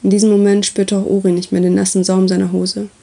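A woman reading a story aloud as its narrator, with steady, even delivery. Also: mid-range voice, fast, gravelly.

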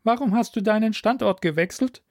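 A man voicing a calm, inquisitive male alien mentor in a measured, questioning way. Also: high voice, no echo, clean studio sound, voice pushed up. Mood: probing.

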